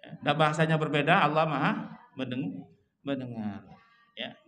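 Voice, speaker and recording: A man's voice: fairly high pitch, normal speed, fairly bright tone. Man giving a repetitive, tag-heavy religious lesson. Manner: repetitive, mixes Arabic and Indonesian, frequent "ya" tags. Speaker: Islamic teacher. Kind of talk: religious lecture.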